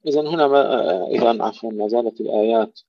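A man teaching tajweed, reciting verses slowly and explaining each pronunciation mistake. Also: medium pitch, no room sound, highs cut off. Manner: slow drawn-out recitation of verses between quick explanations. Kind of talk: tajweed lesson with recited examples.

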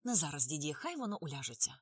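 A calm, wry woman, read by a female narrator, answers in a composed, dry tone. Close, dry recording with no room. An audiobook line reading. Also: sits low, fast, breathy edge, dry recording, heavily acted.

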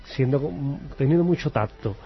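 A man hosting a radio show, chatting warmly with a contributor and presenting the programme. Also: mid-range voice, animated, normal speed. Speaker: radio host. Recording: dull radio sound.

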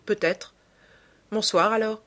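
A woman's voice: mid-range voice, steady tone, slow, fairly bright tone, voice pushed up. A woman voicing a listless, ruined young man who speaks in sighs and murmurs. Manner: sighing and murmured.

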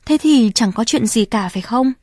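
A timid, kind young girl, voiced by a woman reader asks soft, caring questions. Her voice is gentle and a little high. The recording is dry and close. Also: lively intonation, moderate pace, dry recording. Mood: gentle concern.

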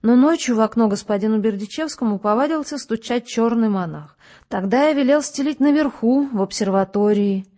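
A patient, level-headed doctor who explains things calmly and reassuringly, as a woman reads him. The voice is fairly high, with a dark, mellow warmth throughout. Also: close to an everyday voice. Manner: measured, explaining, unhurried. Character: calm, patient male doctor, head of asylum.

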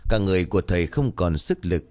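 Male storyteller, low register, animated delivery. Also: fast. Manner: voices characters with lively shifts. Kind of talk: scripted narration of a folk ghost tale.

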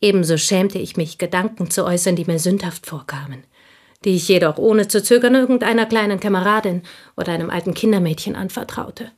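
This female voice is mid-range and close to everyday speech, belonging to an actress in a German radio drama. She portrays an intense, possessive village schoolteacher who confides deliberately and often drops toward a whisper, sounding reflective and hushed.

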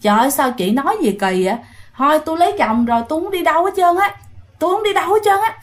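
A woman's voice: extremely high pitch, fairly even intonation, rapid-fire, pitched above the performer's own voice. A woman playing a young newlywed woman who insists she will not leave. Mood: indignant.

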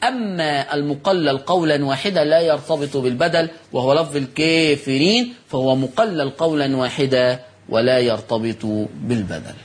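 A man with an Egyptian accent hosting a broadcast recitation lesson. He asks his listeners questions, answers them himself, and reads notes slowly with stress on key words. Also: a little high. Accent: Egyptian Arabic. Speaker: Quran recitation teacher and TV host.

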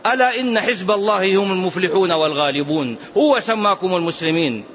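A middle-aged man preaching a mosque lesson, animated and exhorting, full of rhetorical questions. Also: high-pitched, quick pace. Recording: dull lo-fi mosque recording with faint noise.

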